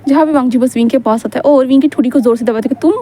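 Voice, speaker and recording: A woman's voice: high voice, fairly even intonation, rapid-fire, mellow. A woman narrating a fan story in a casual, rambling way, with many fillers and English words mixed in.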